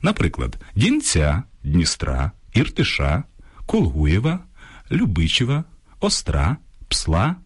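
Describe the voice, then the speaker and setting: A man presenting a scripted radio talk on grammar, reading out word lists in a measured way. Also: low-pitched, huge pitch swings, husky. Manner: measured, lists examples slowly. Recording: radio studio broadcast.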